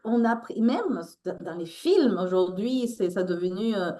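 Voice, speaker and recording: A woman's voice: medium pitch, animated, measured pace, mellow. A woman with a Spanish accent, a resilience coach speaking earnestly in an interview, often restarting as she searches for words. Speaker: guest, resilience coach and therapist. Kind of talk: emotional interview talk.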